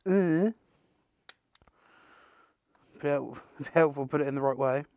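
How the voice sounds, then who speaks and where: An amateur British video maker unboxes a product casually and without a script, wandering off on tangents, muttering asides and dropping the occasional mild swear. His voice is fairly high and mellow, a little fast, with no room sound.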